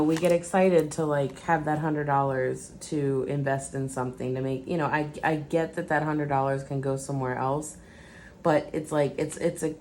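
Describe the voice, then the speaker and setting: A woman's voice: low-pitched, slight background noise. A woman budgeting vlogger chatting casually to her viewers, rambling with lots of fillers and restarts.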